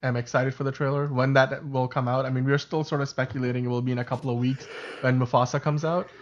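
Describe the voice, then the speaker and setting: A male podcast co-host whose first language is Urdu talks at a quick pace with medium pitch and a level tone. The livestream chat is casual and loose, his sound slightly muffled, and he chats freely, corrects himself, and laughs often.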